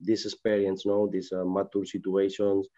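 Man in halting English, low flat voice. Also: lo-fi sound. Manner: halting, searching non-native English. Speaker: football manager. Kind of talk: post-match press conference. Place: press room with sponsor board. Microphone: video call.

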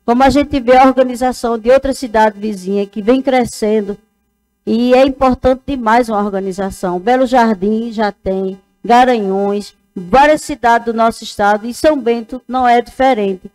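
A city councilwoman from Northeast Brazil addresses her colleagues at a council session through a lectern microphone. Her voice is fairly high with a darkish tone, and she speaks at a moderate pace in a plain, earnest way, using fillers.

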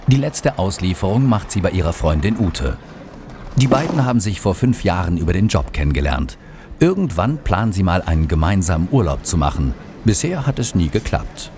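A man's voice: low-pitched, sing-song, normal speed, background noise. A man reading scripted documentary narration as a studio voice-over.

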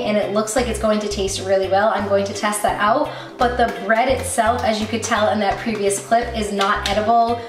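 A woman hosting a casual cooking vlog, chatting upbeat through step-by-step recipe instructions. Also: mid-range voice. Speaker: recipe-testing vlogger. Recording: roomy echo with faint background music.

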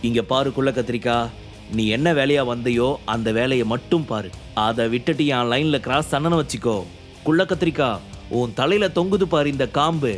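A man's voice: mid-range voice, moderate pace, soft background music, close to an everyday voice. A man voicing an unbothered young man who brushes off insults in a cool, teasing way. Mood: offhand.

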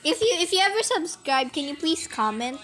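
Speaking briskly with big swings in pitch, this teenage girl has a high, slightly bright voice. She's a vlogger talking casually over her phone's screen recording, giggling and getting sidetracked easily, recorded through the phone's own mic.

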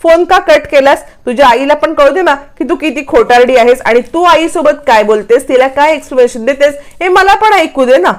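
A wounded, accusing young husband from a television serial retelling, his complaints pouring out in a bitter stream, as a woman reads his lines. The voice sits high and bright for a man, since a woman reads him in her own voice. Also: brisk, few pauses. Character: angry young husband who feels betrayed.

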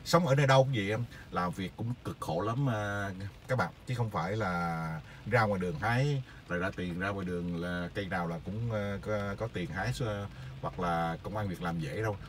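A middle-aged man, telling stories in a casual, rambling monologue full of hesitant filler pauses. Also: fairly low pitch, a little hiss or hum. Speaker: vlogger sharing stories.

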